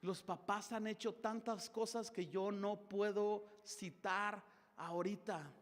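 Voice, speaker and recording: A man's voice: high-pitched, fairly even intonation, takes it slowly, in a large hall. A middle-aged man with a Mexican Spanish accent preaching a sermon in a church, shifting his tone dramatically as he acts out little dialogues. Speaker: pastor.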